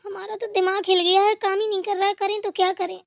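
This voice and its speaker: A woman voicing a flustered young daughter-in-law who protests excitedly in a comic family skit. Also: very high-pitched, quick pace, gravelly, no room sound.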